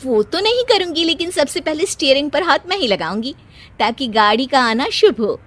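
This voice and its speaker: A woman's voice: high voice, very animated, moderate pace, a bit bright. A woman playing a proud, bossy young daughter-in-law in a family comedy story, boastful and scolding. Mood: insistent.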